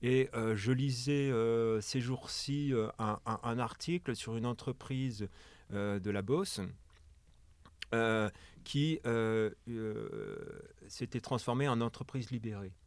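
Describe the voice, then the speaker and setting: Male guest, smooth resonant voice, hesitant delivery, dry mic. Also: mid-range voice, animated, slow pace, no room sound. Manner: hesitant, many fillers and restarts. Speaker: podcast guest. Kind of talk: casual panel discussion.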